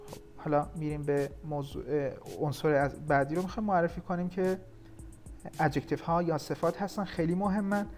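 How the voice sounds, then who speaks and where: A man from Iran teaching an English grammar lesson, explaining patiently and slowing down to read English example sentences. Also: fairly high pitch, steady tone, a little mellow, soft background music.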